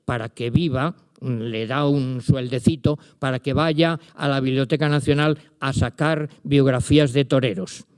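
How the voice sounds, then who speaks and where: An older man with a Spanish accent from Spain, a literature professor presenting a book, lectures to an audience, addressing them directly and reciting verse with emphasis. His mid-range voice has a clear, resonant tone and fairly even intonation, delivered at a measured pace with few pauses.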